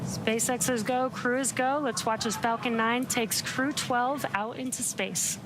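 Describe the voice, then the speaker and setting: A woman's voice: fairly even intonation, measured pace. A woman giving upbeat, explanatory live launch commentary. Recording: very noisy feed with rumbling background.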